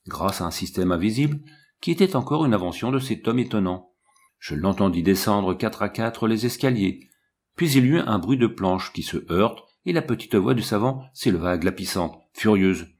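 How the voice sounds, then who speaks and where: A man with a low voice reads a classic adventure novel aloud. His reading is expressive and dramatic, and it keeps the tension up. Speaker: audiobook narrator. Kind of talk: scripted narration of a novel.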